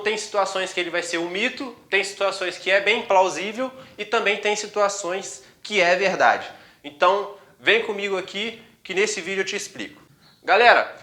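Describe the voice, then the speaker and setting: A Brazilian-accented man explains things to his viewers in a casual video lesson. His voice sits high and sounds sharp and bright, and he talks in a chatty way with many fillers and restarts. The recording has an echoey room sound. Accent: Brazilian Portuguese.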